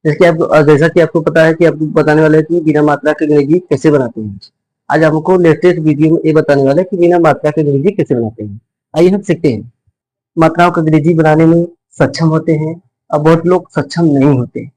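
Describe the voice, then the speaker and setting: A man's voice: fairly high pitch, a little fast, darkish tone, no echo, rough recording. A man teaching a spelling lesson in a repetitive way, asking and then answering his own questions.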